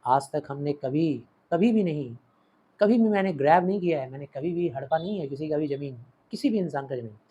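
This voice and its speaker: A man's voice: fairly high pitch, expressive, a little fast, mellow, slightly rough, low-quality recording. Man with Indian accent explaining a play. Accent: Indian English. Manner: explains line by line, switching languages. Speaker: teacher. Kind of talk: Hindi-English literature lesson.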